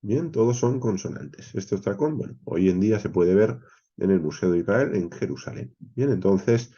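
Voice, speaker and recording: A man from teaching a Bible class, explaining step by step, with frequent "eh" pauses, often checking in with "¿vale?" and "¿bien?". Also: fairly low pitch, animated, dark tone, breathy edge, dull audio. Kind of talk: expository Bible class lecture.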